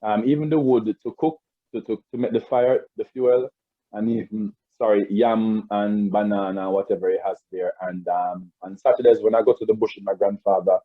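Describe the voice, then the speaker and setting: A man with a fairly low pitch and a Jamaican accent talks at a moderate pace as a casual interview guest, recalling his childhood. He rambles, restarting often and repeating words, and the video-call audio is dry, tinny and phone-like.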